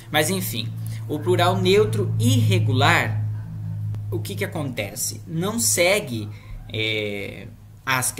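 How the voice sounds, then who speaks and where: A woman's voice: sits low, a little hiss or hum. A woman with a Brazilian Portuguese accent teaching a language lesson in a casual, chatty way, checking in with her students often.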